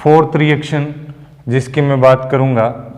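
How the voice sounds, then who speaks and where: A man teaching chemistry in a classroom lecture, explaining slowly and mixing Hindi and English terms. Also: medium pitch, fairly even intonation, a little mellow. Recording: long room reverb.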